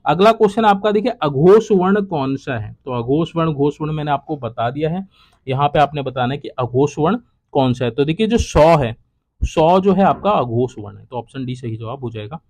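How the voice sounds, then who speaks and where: A young man teaching exam prep, working through quiz questions one by one and repeating each answer, his voice trailing low at the end of each. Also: animated, moderate pace, a little mellow. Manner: repetitive, drops to a low trailing voice at each close. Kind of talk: solving quiz questions aloud.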